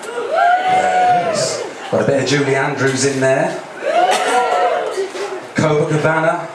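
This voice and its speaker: Playing a campy drag queen host, a man teases the audience with stand-up patter and banter on a live cabaret stage in a music cafe. His voice is medium-pitched and steady at a moderate pace. The echoey venue is picked up by a distant mic, with loud crowd noise and laughter.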